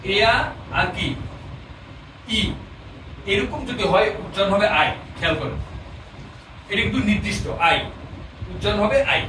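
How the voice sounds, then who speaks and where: A man's voice: high-pitched, lively intonation, measured pace, pauses often. A man teaching a language class, explaining patiently and often asking his students questions. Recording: echoey room, distant mic, noisy.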